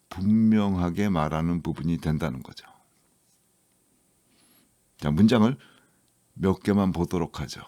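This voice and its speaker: A male lecturer teaches English listening at a slow, measured pace. He reads English example sentences aloud between his explanations. His voice is deep and dark and comes across dry and close. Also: no echo. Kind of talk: scripted lecture narration.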